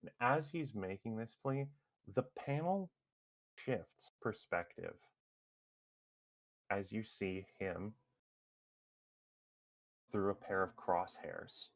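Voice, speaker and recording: Slow, deep-voiced male game master. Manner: halting, many fillers and restarts. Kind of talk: narrating a tabletop superhero game.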